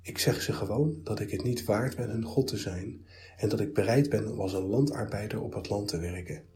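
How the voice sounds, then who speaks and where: A man's voice: fairly low pitch, brisk, mellow, close to an everyday voice. A man voicing God as a humbled, cast-out figure who protests and pleads. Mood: plaintive. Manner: protesting, then pleading and self-pitying.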